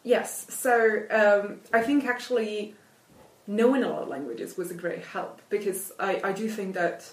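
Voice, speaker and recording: An academic whose first language is Italian discusses literature in a conversational interview, pausing, restarting and using many fillers as she thinks. She speaks unhurriedly at a medium pitch, far from the mic in an echoey room.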